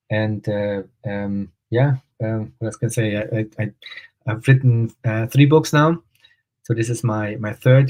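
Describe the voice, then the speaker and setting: Hesitant low-voiced man on a call. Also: darkish tone, low-quality recording. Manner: hesitant, many fillers and restarts. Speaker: guest author. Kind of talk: casual live-stream interview. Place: home, joining remotely.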